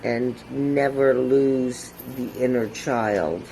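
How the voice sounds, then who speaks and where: A man speaks slowly in a halting, fond way, pausing often with fillers. His voice is mid-pitched, with a faint background hum. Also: steady tone, vocal fry, warm tone, poor audio. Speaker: family member giving well-wishes. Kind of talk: casual heartfelt message.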